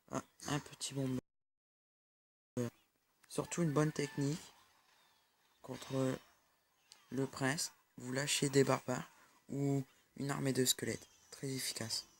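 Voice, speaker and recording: There's slight background noise as a young man, a gaming YouTuber, offers casual commentary on a mobile game he's recording on screen. His medium-pitched voice is creaky, and he hesitates often, restarting and leaning on fillers.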